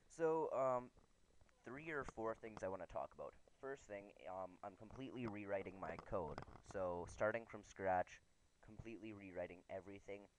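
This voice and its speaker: A man's voice: on the low side, normal speed. A young man giving a casual, unscripted update in a meandering way, recorded using headphones as a microphone. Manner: casual, loose, meandering delivery. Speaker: programmer giving a project update. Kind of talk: unscripted rambling vlog update. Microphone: headphones used as a microphone. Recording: noisy, clicky headphones-as-microphone sound.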